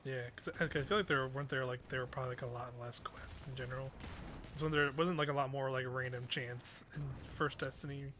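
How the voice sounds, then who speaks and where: Young male game streamer, casual and rambling, evenly pitched but bright-toned, some background noise. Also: fairly even intonation, a little fast. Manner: hesitant, rambling, slangy. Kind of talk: casual chat while gaming.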